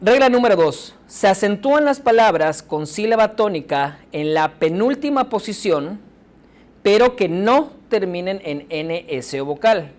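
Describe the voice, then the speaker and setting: A woman teaching a recorded spelling lesson, speaking slowly and clearly, breaking words into syllables and repeating each rule. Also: mid-range voice, expressive, darkish tone.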